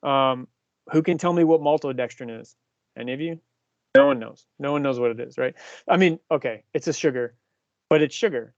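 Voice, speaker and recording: A man's voice: mid-range voice, brisk, dry recording, dull audio. A man in his fifties, a cycling coach chatting and explaining things to his team, often asking them questions. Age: 50s. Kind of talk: casual team talk.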